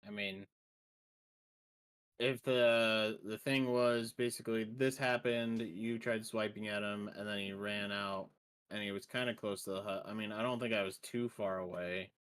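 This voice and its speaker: Hesitant low-voiced man, game player. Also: fairly even intonation, normal speed, a bit bright, smooth. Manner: hesitant, thinking aloud with many ums. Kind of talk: in-character decisions in an online tabletop game.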